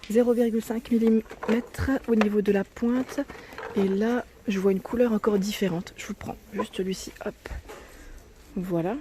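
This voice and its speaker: A woman's voice: mid-range voice, warm tone, a little hiss or hum. A woman walking through a store aisle showing products in a casual vlog, chatting and often correcting herself, her voice cracking early in the morning. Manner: chatty, often corrects herself, drops to a near whisper at times. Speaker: vlogger showing new store arrivals.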